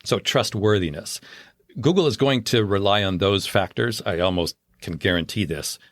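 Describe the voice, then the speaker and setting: A man with a lowish voice co-hosts a casual podcast, explaining his views with easy confidence. The sound is dry and close, with no room around it. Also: moderate pace, no room sound. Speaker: podcast co-host.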